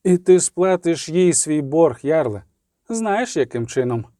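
A man's voice: fairly high pitch, big pitch swings, unhurried, dark tone, no echo, voice pushed up. A haughty old queen barks orders in a raised, ringing voice, as a man reads her part. She is cold and commanding, a grandmother used to ruling. This is storybook reading with a dry, close sound.

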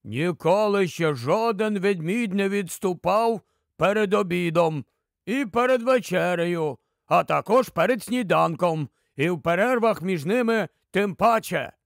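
A man voicing a group of gruff, hungry bears who roar their indignation, in an audiobook. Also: high voice, lively intonation, measured pace, dry recording, studio quality, exaggerated voice. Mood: outraged. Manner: roaring, indignant.

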